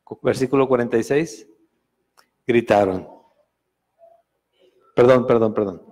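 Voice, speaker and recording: A Mexican pastor leads a Sunday Bible study, speaking Spanish in a relaxed conversational way. He often pauses on fillers and corrects himself as he goes. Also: mid-range voice. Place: church meeting room.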